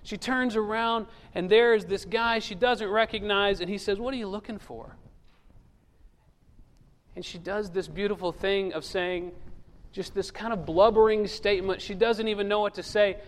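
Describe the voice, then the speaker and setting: A man's voice: sits high, steady tone, moderate pace, hardly any pauses. A man preaching a sermon in a church, telling the story with humor and acting out the voices of the people in it. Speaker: pastor. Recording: long reverb of a large hall.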